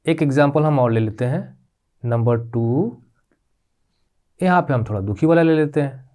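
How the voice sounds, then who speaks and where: A male teacher talks over his slides at a middle pitch, patient and methodical. He slows down to spell out key terms and keeps checking in with his students. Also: mellow. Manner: patient, repeats "ठीक है?" checks with rising pitch; spells out terms slowly, mixing English words into Hindi. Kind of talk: classroom grammar lesson.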